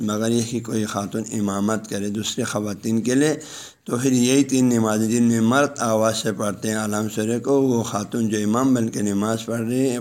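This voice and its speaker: Man, religious lecturer, mid-pitched voice, phrase-by-phrase explanation, conversational teaching. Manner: speaks directly to listeners, telling them to pass the ruling on at home. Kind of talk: religious lesson, reading and explaining a text.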